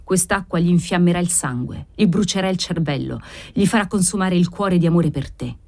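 A woman's voice: on the low side, expressive, normal speed, mellow. A woman reader voicing a solemn old Neapolitan woman sorceress who speaks in grave, incantatory tones. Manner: solemn, incantatory, preaching faith in God.

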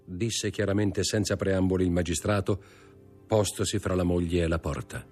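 A man giving measured, dramatic audiobook narration. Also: deep voice, fairly even intonation, a little mellow, faint music behind.

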